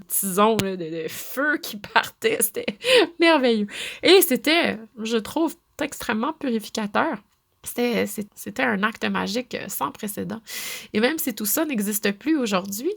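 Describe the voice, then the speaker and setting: A Québécois woman hosts her podcast in a loose, chatty monologue, her voice carrying a steady gravelly fry. She stays mid-pitched, with frequent restarts and little fillers. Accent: Québécois French. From Quebec. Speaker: podcast host. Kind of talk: casual spoken monologue.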